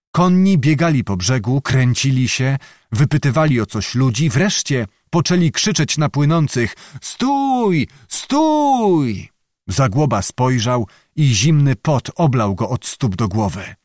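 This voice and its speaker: A man reads a historical novel aloud in an expressive, dramatic audiobook style. His pitch moves a lot through each sentence, and the recording is dry and close with no room sound. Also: dry recording.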